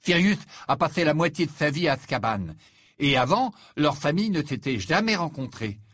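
A man's voice: on the high side, very animated, normal speed, fairly bright tone, no room sound, studio quality, pitched above the performer's own voice. Ron, a man doing a sarcastic teenage boy. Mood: dismissive. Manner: sarcastic, dismissive.

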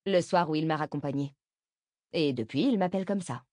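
A woman reading the part of an insecure young woman who wants to be liked, in a lively confiding tone. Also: low-pitched, a little fast, no echo, clean studio sound, lightly acted. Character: young woman, self-doubting, eager to be liked.

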